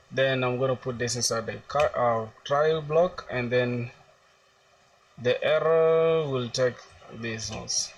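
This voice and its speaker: A man's voice: medium pitch, distant mic, slight background noise. A young man from South Sudan chats his way through a coding livestream, narrating each step as he works it out and answering viewers in easy slang. His voice sits somewhat back from the microphone, with keyboard typing underneath. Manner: thinks aloud while coding, reads chat questions aloud, slangy. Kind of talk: casual live coding narration.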